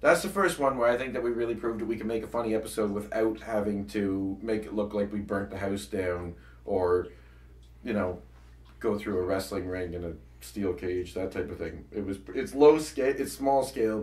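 A man's voice: fairly low pitch, fairly quick, darkish tone, recorded from a distance. A man co-hosting a talk about his comedy web series, chatting casually and often restarting his sentences. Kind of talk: casual chat. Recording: echoey room, voice a bit off-mic.

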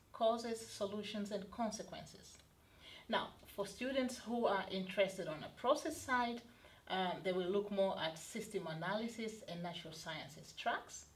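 A middle-aged woman from Tanzania, a study advisor, explaining a study programme in an interview with frequent pauses and fillers. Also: mid-range voice. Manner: hesitant, many fillers and restarts. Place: studio set, indoors.

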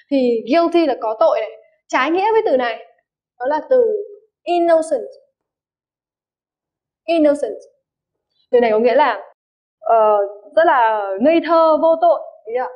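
A woman English teacher explains vocabulary, giving many examples and often checking that her students follow. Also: high-pitched. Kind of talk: vocabulary lesson. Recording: dull lo-fi recording.

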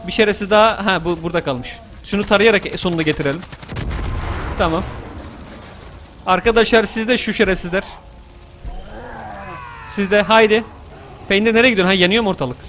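Playful high-voiced young man gaming. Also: a little hiss or hum. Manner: playful, joking, shouts excitedly at the game. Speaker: gaming YouTuber. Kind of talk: casual gameplay commentary.

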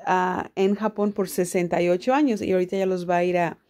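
A woman's voice: lowish voice, fairly even intonation, a little fast, darkish tone. A woman giving casual commentary over a video clip, restating each line in her own words. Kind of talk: casual commentary and live translation.

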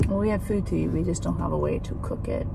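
A woman's voice: fairly low pitch, fast, vocal fry. A woman in her thirties chatting with dry quips during a road trip inside a car. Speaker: vlogger's partner. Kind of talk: casual road-trip chat. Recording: distant phone mic, loud road noise.

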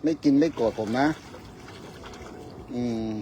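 A man's voice: takes it slowly, dark tone, dull audio, a little hiss or hum. A man casually commenting on his fishing to viewers outdoors by a river at dusk, speaking to them directly and politely. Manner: chatty, addresses viewers directly, tags lines with polite particles. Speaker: fishing vlogger.

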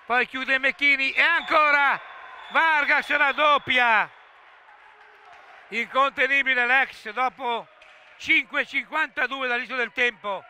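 A man giving breathless, excited goal commentary on a sports match, shouting names and goal calls with drawn-out cries. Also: extremely high pitch, clean tone.

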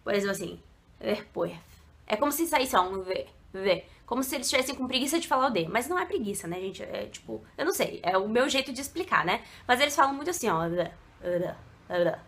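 Bright-voiced woman teaching. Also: sits high, very animated, rapid-fire, hardly any pauses. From Brazil. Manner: chatty and digressive, with frequent asides. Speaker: online Spanish teacher. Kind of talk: casual video lesson.

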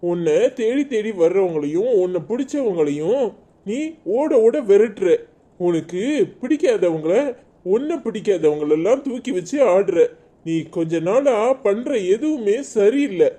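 Guy doing a fed-up cartoon husband, kanyakumari tamil accent, highish mellow voice. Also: big pitch swings, a little slow, heavily acted. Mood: pleading. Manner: pleading, reproachful. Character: pleading exasperated young husband. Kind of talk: cartoon voice acting.

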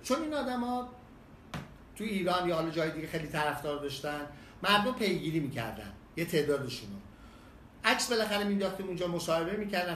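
A man telling a funny personal anecdote in an animated way, hesitating often and acting out the voices. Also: fairly high pitch, reverberant, slight background noise. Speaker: storyteller.

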